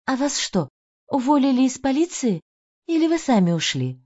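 A woman's voice: sits high, very animated, moderate pace, warm tone, pitched above the performer's own voice. Woman reading as an eager, earnest young woman. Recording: dull lo-fi audio.

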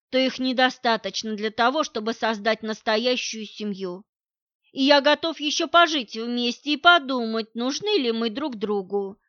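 A woman's voice: a little high, a bit bright, no room sound, natural voice. A woman reading as a scornful, cold man. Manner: harsh, cutting, accusing. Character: scornful man, cold toward his pregnant partner. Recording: dull lo-fi recording.

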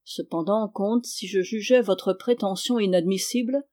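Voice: mid-range voice, normal speed, a little mellow, natural voice. A reader voicing a sly medieval king. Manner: protesting, wheedling, turns curt. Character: scheming medieval French king, sly and irritable. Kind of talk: audiobook character reading.

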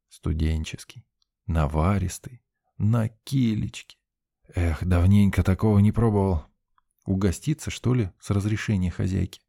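Male audiobook narrator, low mellow voice, wry ironic delivery, dry close recording. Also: creaky, dry recording. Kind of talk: scripted first-person narration.

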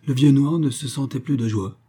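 A man narrating a classic novel as an audiobook in a measured, even storytelling delivery. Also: medium pitch, husky.

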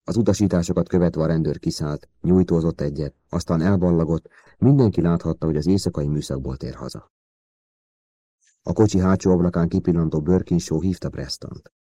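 A man reading an audiobook in a steady, even manner. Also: sits low, dry recording, studio quality. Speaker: audiobook narrator. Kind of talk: scripted audiobook narration.

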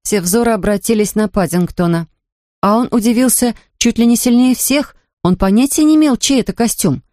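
A woman narrating a children's storybook with a lively, expressive reading. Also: on the high side, fairly quick, no room sound, clean studio sound. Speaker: audiobook narrator.

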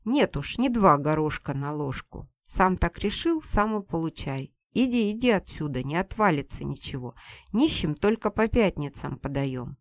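A woman narrator voicing a fierce, harsh older village mother who scolds loudly and coarsely, in a dry recording. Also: sits low, big pitch swings, moderate pace, dry recording. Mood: furious.

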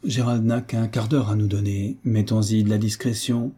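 Audiobook figure: a teasing hunchbacked nobleman, husky and low, as read by a man. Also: steady tone, normal speed, warm tone. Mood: mocking. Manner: teasing, theatrical. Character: jovial mocking hunchbacked marquis, middle-aged man.

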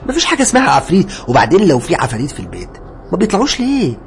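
Man doing a sneering young Egyptian skeptic: high, loud, rapid. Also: huge pitch swings, gravelly, faint music behind, full character voice. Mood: scoffing. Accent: Egyptian Arabic. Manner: loud, mocking. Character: scoffing young male worker who mocks ghost talk.

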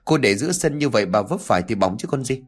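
A man voicing a stern husband who speaks in rapid, accusing bursts. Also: medium pitch, animated, breathy edge. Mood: angry.

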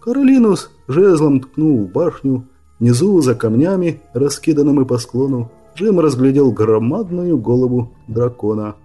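A man's voice: medium pitch, lively intonation, a little slow, mellow, slightly rough, faint music behind. A man narrating a fantasy audiobook with dramatic storytelling. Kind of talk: scripted narration.

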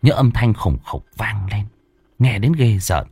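A man telling a ghost story in dramatic, drawn-out scripted narration. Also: lowish voice, animated, a little mellow, breathy edge, faint music behind.

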